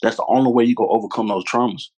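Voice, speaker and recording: Very fast and steady, his medium-pitched voice has a darkish tone, with slight background noise behind it. The man, in his 20s and from Louisiana, US, is a podcast guest sharing candid conversational stories earnestly and repeating points for emphasis.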